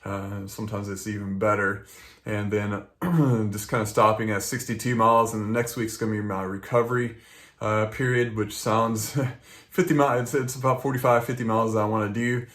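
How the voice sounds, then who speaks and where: An American man talking casually to viewers as a running vlogger, halting and rambling as he goes. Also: fairly low pitch, fairly even intonation, a bit bright. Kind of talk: casual vlog talk to viewers.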